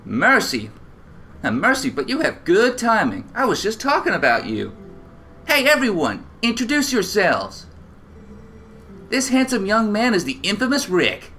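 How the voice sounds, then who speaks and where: A man's voice: sits high, huge pitch swings, a little slow, sharp tone, a little hiss or hum, heavily acted. A man voicing a sassy, motherly woman who runs a bar and calls everyone honey in a drawl. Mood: warm teasing.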